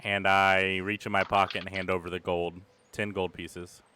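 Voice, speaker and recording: Smooth-voiced man playing a tabletop game. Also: low voice, little pitch movement, moderate pace, sharp tone. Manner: easygoing, hesitant with fillers. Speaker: player. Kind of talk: casual tabletop game chat. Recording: clean, dry close mic.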